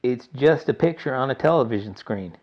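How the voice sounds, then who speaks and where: A man reading aloud and voicing a loud, cocky boy obsessed with television. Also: mid-range voice, lively intonation, fairly quick, lightly acted. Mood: brash. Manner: shouty, cocky. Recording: dull lo-fi recording.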